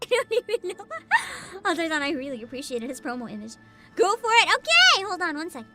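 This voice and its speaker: A woman's voice: extremely high pitch, very animated, a little fast. A woman chatting casually on a game live stream in a playful, jokey way. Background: music.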